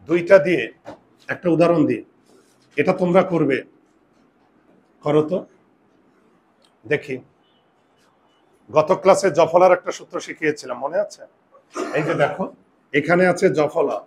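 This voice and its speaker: A man with a fairly high voice teaching a classroom lesson. He explains each step slowly and keeps quizzing his students as he goes. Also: slight background noise. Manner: explanatory, asks the class questions. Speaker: Bengali grammar teacher.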